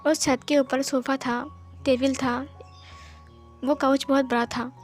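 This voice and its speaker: Female storyteller, high voice, steady read-aloud narration, faint music underneath. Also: a little slow. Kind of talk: reading a fan-fiction romance aloud.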